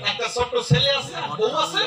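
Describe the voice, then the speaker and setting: High-voiced folk singer joking with a crowd. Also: male voice, quick pace. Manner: chatty, calls the audience "baba", quizzes them. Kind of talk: joking stage storytelling to a live crowd. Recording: echoey stage sound from far off, music behind.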